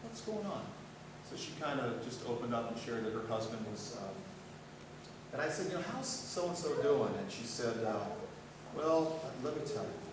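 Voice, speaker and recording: A man's voice: mid-range voice, expressive, moderate pace, noisy background. An older man preaching a sermon as a pastor, telling stories in a folksy way with light humor. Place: church sanctuary. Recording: very echoey hall recorded from far off.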